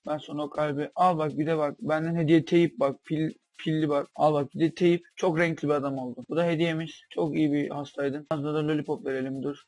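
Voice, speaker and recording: A young man giving comedic commentary over a game, bantering in a mock-doctor way with sudden loud outbursts. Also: a little high, level tone, brisk, few pauses, no echo. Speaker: gameplay commentator.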